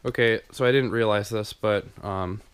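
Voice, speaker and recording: A young man narrates a loose walkthrough of his unfinished basement for his DIY home renovation vlog, filming on a handheld camera as he walks and tripping over frequent ums and restarts. His voice is lowish and steady, at a normal speed. There's slight background noise.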